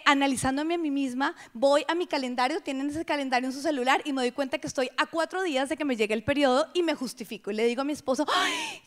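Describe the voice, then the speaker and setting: A middle-aged woman giving an animated personal testimony to a women's gathering, dropping now and then to hushed whispers. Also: high-pitched.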